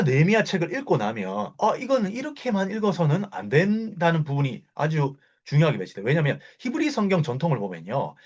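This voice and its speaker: A man giving a Bible lecture, explaining at length and often pausing with fillers and correcting himself mid-word. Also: medium pitch, husky. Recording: dull lo-fi recording.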